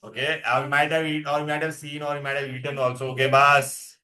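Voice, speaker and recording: A man's voice: on the high side, flat delivery, fast talker, sharp tone. A male school science teacher with an Indian accent, teaching a class in English mixed with Hindi, repeating points and checking understanding with short tag questions. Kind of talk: classroom lesson with questions to students.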